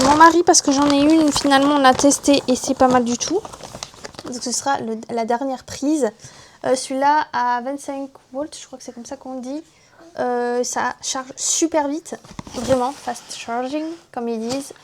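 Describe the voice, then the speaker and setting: A woman's voice: high voice, noisy background. A young woman, a mother, chatting casually in a home vlog, showing her purchases and searching for words, dropping in English terms. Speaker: family vlogger.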